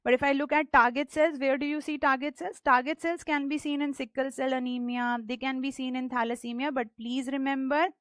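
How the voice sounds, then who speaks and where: A woman's voice: high voice, steady tone, a little fast, hardly any pauses, no echo. A woman in her thirties with a North Indian accent, lecturing emphatically on exam questions, repeating key points and asking questions that she answers herself. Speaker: pathology teacher. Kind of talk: exam question lecture mixing English and Hindi.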